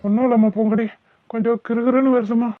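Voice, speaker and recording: A woman's voice: on the high side, fairly even intonation, fast talker, soft background music, lightly acted. A woman voicing a dejected aging village father in a cartoon, weary and despairing, with a southern Tamil Thoothukudi accent. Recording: tinny phone-like cartoon audio.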